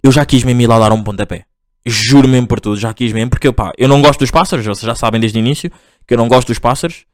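A man's voice: medium pitch, rapid-fire, dry recording, studio quality. A young man from Portugal, rambling slangy and exasperated through a casual storytelling monologue to his listeners.

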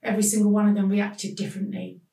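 A woman tells a painful personal story as a podcast guest, speaking haltingly with many pauses. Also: mid-range voice, level tone, mellow, distant mic. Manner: slow, halting, emotional retelling with many pauses. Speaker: podcast guest telling her life story. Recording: roomy sound, voice off the mic.

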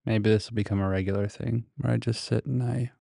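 A man's voice: on the low side, steady tone, brisk, gravelly, warm tone, no room sound. A man recording a casual, reflective solo podcast monologue very close to the microphone, speaking in a hesitant, introspective way. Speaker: podcast host.

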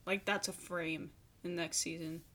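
Low, bright-toned woman in podcast chat. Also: steady tone, a little slow. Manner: enthusiastic, filler-heavy. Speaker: podcast co-host. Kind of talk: casual chat about a TV show.

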